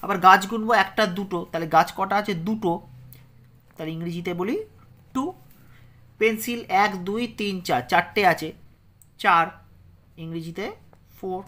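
A man from teaching young children to read. He spells words out slowly letter by letter and keeps checking in with them. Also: high-pitched, sharp tone. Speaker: primary school teacher. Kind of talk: children's reading lesson.

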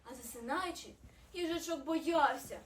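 A woman reading a fairy tale aloud, narrating in an expressive, gentle storytelling manner. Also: high-pitched, normal speed, a little hiss or hum. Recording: roomy, distant mic, faint ambience.

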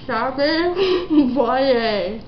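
A woman's voice: sits high, animated, very slow. A young woman speaking in a muffled way with her mouth full of marshmallows. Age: young adult. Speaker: vlogger doing an eating challenge. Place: home dining room, indoors. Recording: muffled, noisy webcam sound in echoey room.

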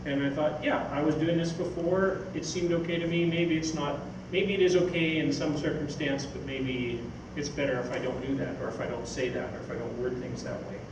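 Speaking in a slightly high voice with fairly even intonation, this older science fiction writer talks quickly with few pauses, answering audience questions on an event hall stage in an informal, anecdotal way. The recording comes from a far camera mic and is echoey, distant and noisy.

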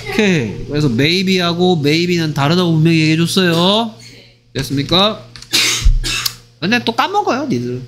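Man, teasing grammar teacher, slightly high voice, faint music behind. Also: a little slow. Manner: lively, teasing, asks students "됐습니까?" often; acts out short skits in other voices. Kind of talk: online grammar lecture.

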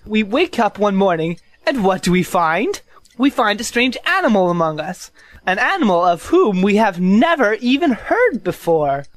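Scheming, self-important storybook rabbit, woman actor, mid-pitched, lively intonation, impatient lecturer. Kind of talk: audio drama of a children's storybook.

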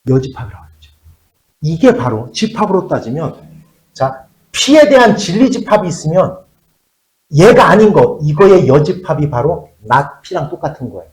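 Male math teacher, fairly high voice with swooping pitch, drills students with questions, drags out key phrases. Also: darkish tone, roomy sound. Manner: asks students questions and answers them himself; drawls key phrases slowly for emphasis. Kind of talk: classroom math lecture.

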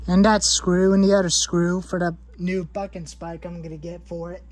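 A chainsaw hobbyist vlogger in her twenties rambles through a show-and-tell of saw parts in her cluttered garage, repeating herself and listing items. Her voice is lowish and darkish with little pitch movement, at a moderate pace.

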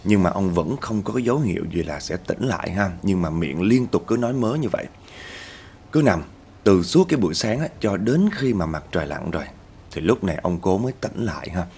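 A man's voice: expressive, a little fast, darkish tone, slight background noise. A man, hosting and narrating a spooky story in a chatty way that talks straight to listeners. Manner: chatty, addresses listeners as "các bạn", rises in pitch at tense moments. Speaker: storyteller host. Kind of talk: spoken ghost story narration.

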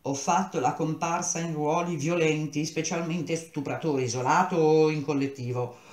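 A woman voicing a desperate, hysterical pale young man who shouts and pleads in a high, strained voice. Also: steady tone, normal speed, echoey room, close to an everyday voice. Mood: eager.

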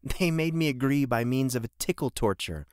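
A man's voice: medium pitch, animated, normal speed, darkish tone, smooth, dry recording, clean studio sound, voice pushed up, close to an everyday voice. A man voicing a spirited young woman who talks eagerly with her father.

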